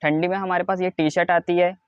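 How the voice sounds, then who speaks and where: An Indian man giving a product showcase as a wholesale seller, in a repetitive, insistent sales pitch that stresses low prices. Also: level tone, a little fast, clean tone, no room sound, muffled recording. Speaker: wholesale clothing seller presenting stock.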